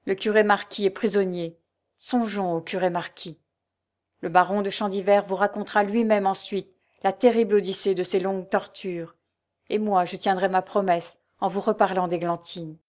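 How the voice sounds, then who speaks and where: A steady, earnest captain who speaks in measured, persuasive sentences, as a woman narrator voices him in a storybook reading. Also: medium pitch, close to an everyday voice.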